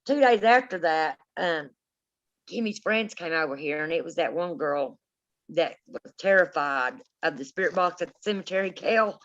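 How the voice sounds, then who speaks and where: A woman's voice: on the low side, expressive, moderate pace. Middle-aged woman, dull lo-fi sound. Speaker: paranormal live stream host. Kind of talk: casual chat and storytelling to live viewers. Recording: dull, lo-fi live stream audio.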